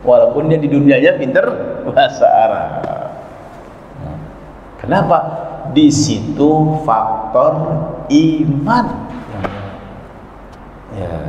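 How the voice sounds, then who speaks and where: Male preacher, lively storyteller, lo-fi recording with faint background noise. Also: mid-range voice. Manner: lively storytelling with acted quotes and chuckles. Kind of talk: sermon. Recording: echoey hall, dull lo-fi sound, faint noise.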